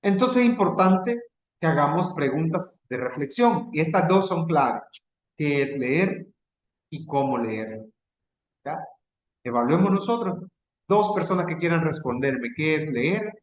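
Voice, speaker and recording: Salvadoran male trainer on a video call, chatty lecturing tone, slightly raised pitch, roomy echo. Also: animated, a little slow. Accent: Salvadoran Spanish. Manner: conversational, checks in with rhetorical asides. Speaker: teacher leading a training session. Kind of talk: online lecture.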